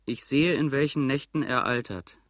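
A man reading a first-person literary text for an audio drama, in a measured, grave storytelling manner. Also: medium pitch. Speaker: narrator.

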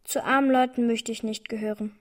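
A woman's voice: on the high side, fairly even intonation, a little fast, close to an everyday voice. An actress playing a young orphan girl who answers frankly, proudly and seriously in an audio drama. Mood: frank, guarded.

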